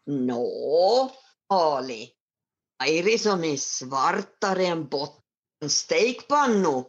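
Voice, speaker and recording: A woman's voice: deep voice, big pitch swings, highs cut off. A woman voicing a proud, angry emperor who makes commanding demands. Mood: demanding.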